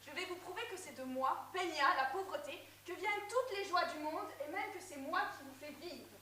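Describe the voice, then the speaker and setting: A furious, godlike goddess declaims with grandiose tragic menace. The voice is extremely high and piercingly bright, in a stage comedy heard from a distance. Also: female voice, normal speed. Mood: defiant. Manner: grandiose, theatrical, godlike proclaiming. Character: furious goddess of Poverty, threatening tragic divine entity. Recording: roomy, distant mic, noisy.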